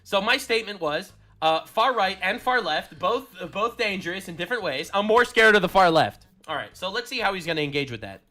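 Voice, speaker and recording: A man delivers a sarcastic, combative political monologue in a played clip. His voice is bright and forward and sits a little high. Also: lively intonation, a little fast, hardly any pauses, soft background music.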